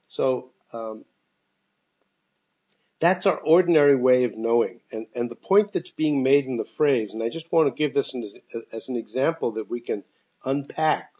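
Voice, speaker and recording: A man leads a discussion class through a speakerphone on a phone call. He is thoughtful and hesitant and fills his pauses with ums. His medium-pitched voice sounds dull and lo-fi over the line. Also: darkish tone, breathy edge. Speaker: teacher. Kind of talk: leading a text discussion class.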